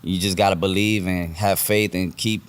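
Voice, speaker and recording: A man's voice: sits low, fairly even intonation, normal speed. A man giving a casual, earnest personal testimony in informal speech as a guest. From Puerto Rico. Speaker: podcast guest, church member.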